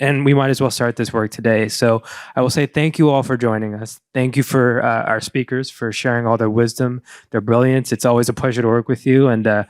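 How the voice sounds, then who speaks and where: A man's voice: mid-range voice, clean tone, no room sound, clean studio sound. A man moderating a panel discussion, giving earnest closing remarks that rally the room, with many fillers.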